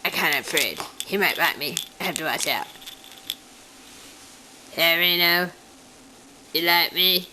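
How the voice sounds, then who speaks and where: A woman voicing a timid, childlike male puppet who is wary of cats, speaking slowly and simply to the children in a puppet show. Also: on the low side, sharp tone, slight background noise, rough recording. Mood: chatty. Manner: talks straight to the children, slow and simple.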